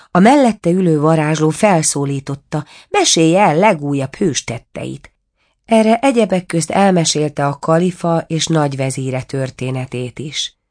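A woman narrating a storybook tale in a measured, even way. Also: sits low. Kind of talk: storybook reading.

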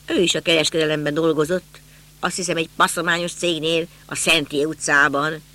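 A man's voice: on the high side, little pitch movement, sharp tone. A man doing a rambling elderly neighbor. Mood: reminiscing. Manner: rambling, reminiscing. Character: talkative elderly male neighbor, hesitant.

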